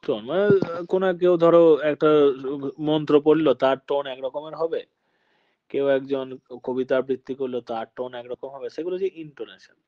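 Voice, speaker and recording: A man's voice: fairly high pitch, normal speed, no echo, highs cut off. A male teacher from Birbhum giving a patient classroom lecture, often checking that his students follow. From Birbhum, West Bengal.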